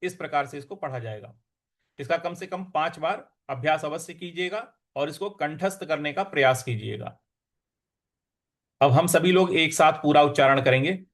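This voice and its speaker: A man teaching how to recite a scripture verse, chanting it slowly and explaining each sound. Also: on the high side. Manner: slow, drawn-out chanting of verses between quick explanations. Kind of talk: recitation lesson with slow chanting.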